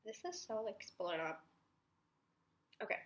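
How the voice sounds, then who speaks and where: A woman's voice: medium pitch, big pitch swings, measured pace. A young woman talking through history revision notes in a casual, chatty way, with self-mocking asides and the odd whisper. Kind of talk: casual study-video explanation.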